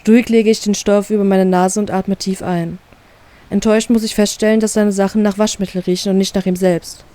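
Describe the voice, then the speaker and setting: A woman reading aloud a fanfiction story in first person, narrating calmly and evenly. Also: mid-range voice, a little fast. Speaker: fanfiction reader.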